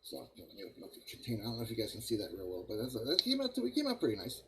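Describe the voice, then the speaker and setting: A man's voice: medium pitch, huge pitch swings, very fast, very noisy. An older man hosting a live model-building stream, rambling casually to viewers and chuckling at himself. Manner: rambling, self-deprecating, chuckles often, talks to viewers as guys.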